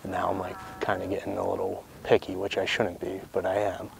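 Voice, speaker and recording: A man's voice: deep voice, monotone, fairly quick, vocal fry, soft background music. A man talking casually outdoors as a bowhunter on a hunt, informal and thinking aloud. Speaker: bowhunter filming his hunt. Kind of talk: casual unscripted hunting chat. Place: outdoors in open hilly country.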